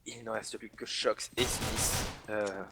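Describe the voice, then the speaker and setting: A man from the south of France, casting an esports match solo and bursting into shouts on big plays. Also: fairly low pitch, little pitch movement, takes it slowly, heavy background noise. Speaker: esports caster. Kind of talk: solo play-by-play commentary.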